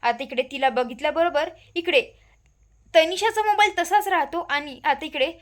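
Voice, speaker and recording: A woman's voice: high-pitched, normal speed, a bit bright. A woman casually retelling a TV serial episode in a repetitive, run-on narrating manner. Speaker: storyteller.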